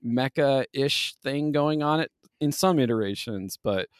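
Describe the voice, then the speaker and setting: A man co-hosting a podcast in casual chat, animated and often laughing. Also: medium pitch, measured pace, clean tone, no room sound, clean studio sound. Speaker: podcast co-host.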